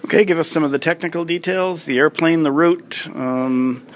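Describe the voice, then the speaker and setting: A man working as an aviation news reporter, posing brisk interview questions at a trade show. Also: a little high. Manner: brisk interviewer prompts with some uhs. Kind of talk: field interview. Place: convention floor.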